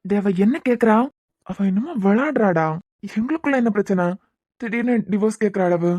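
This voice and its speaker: A woman's voice: medium pitch, dark tone, dry recording, natural voice. A woman playing a defensive, anxious young husband in a cartoon serial, with a Kanyakumari Tamil accent. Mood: flustered. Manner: rapid, anxious pleading.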